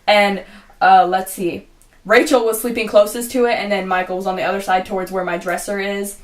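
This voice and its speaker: A young woman casually telling a storytime vlog, rambling with lots of "like" and swearing, and quoting her own reactions in a hushed voice. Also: mid-range voice, little pitch movement, fairly quick. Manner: rambling, heavy use of "like", frequent swearing. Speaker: vlogger.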